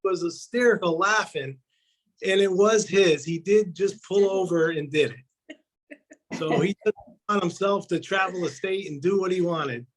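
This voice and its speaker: Man, casual storyteller, slightly raised pitch, acts out quotes, video call. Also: measured pace, rough recording. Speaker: community member sharing memories.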